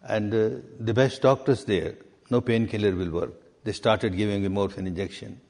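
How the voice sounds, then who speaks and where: A man teaches meditation and answers questions at a steady, measured pace. He leans on repetition, going back over key words to drive them home. His voice carries the long reverb of a large hall. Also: fairly low pitch. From Myanmar. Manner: deliberate, repeats key words for emphasis. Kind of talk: answering questions in a spiritual talk.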